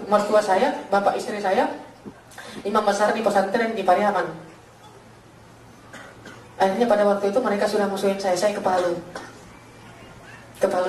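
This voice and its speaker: A man's voice: high-pitched, slight background noise. A man giving an emotional spoken testimony in a church, often calling his listeners brothers. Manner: keeps addressing listeners as brothers. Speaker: testimony speaker. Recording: echoey hall, distant mic.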